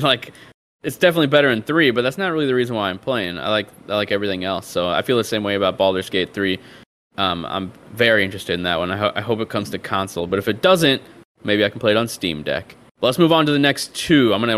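A man's voice: lowish voice, fairly bright tone. A man hosting a casual game podcast, upbeat and teasing as he runs through the topics. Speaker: podcast host. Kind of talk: casual panel chat.

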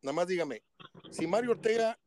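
A man in his sixties hosting a sports radio show, interviewing a guest in an effusive, formal and flattering way. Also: high-pitched, fairly quick, noisy background. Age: 60s.

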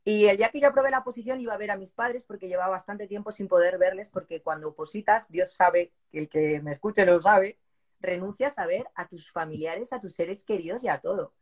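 Woman in her forties, from southern Spain, heartfelt storytelling, animated, mid-pitched. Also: brisk. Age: 40s. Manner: animated, moved, voicing people in her story. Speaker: interviewee, police exam candidate. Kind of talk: emotional personal storytelling.

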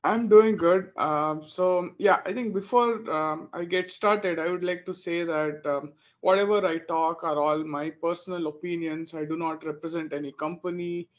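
Indian man, 30s, interview guest, hesitant and filler-heavy, fairly high voice, lo-fi sound. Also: steady tone, moderate pace, few pauses. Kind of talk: interview answers.

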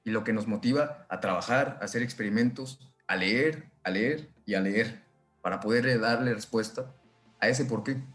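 A man's voice: on the low side, normal speed, fairly bright tone, soft background music. A man who works in science, talking casually on a podcast, eager and rambling with many restarts. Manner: enthusiastic, agreeing, rambling. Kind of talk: casual conversation.

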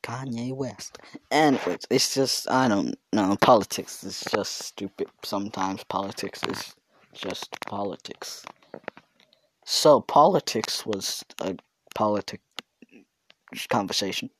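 A teenage boy with a slightly low voice rambles through a casual solo podcast from his bedroom into a home mic. He stutters now and then and keeps breaking off with fillers and restarts. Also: slow pace, a bit bright, a little hiss or hum. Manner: rambling, fillers and self-interruptions.

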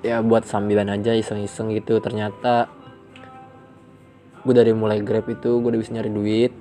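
A man's voice: fairly low pitch, completely flat delivery, moderate pace, dark tone. Young man, rambling slangy storyteller, faint music underneath. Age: young adult. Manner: rambling, slangy, self-mocking. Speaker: vlogger telling his life story. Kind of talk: casual storytelling in Jakarta slang.

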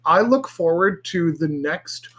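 A man co-hosting a casual podcast chat with friends, animated and profane, rambling through tangents with lots of fillers. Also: slow pace. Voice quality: animated, swears freely, goes high and shrill when laughing. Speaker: podcast co-host. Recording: several people chatting around one mic.

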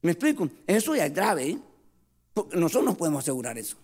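A man's voice: fairly high pitch, sing-song, fast, breathy edge. Impassioned male preacher in a reverberant hall. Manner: impassioned preaching, swinging between shouted peaks and quiet storytelling; addresses listeners as "hermano" often. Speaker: pastor. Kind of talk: sermon.

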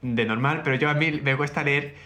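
A man's voice: a little high, fairly quick, sharp tone. A man, a language teacher in casual chat, teasing and laughing often.

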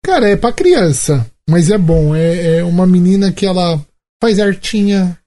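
A man's voice: sits high, animated, unhurried, warm tone. A Brazilian man hosting a podcast, chatting with dry, blunt asides. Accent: Brazilian Portuguese. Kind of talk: casual podcast chat.

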